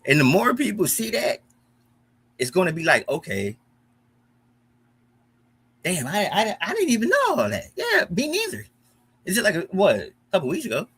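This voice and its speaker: Heated, profane American man, animated. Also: sits high, normal speed, long pauses, breathy edge. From United States. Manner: animated, profane, repeats himself when heated. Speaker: commentary host. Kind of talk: heated reaction commentary.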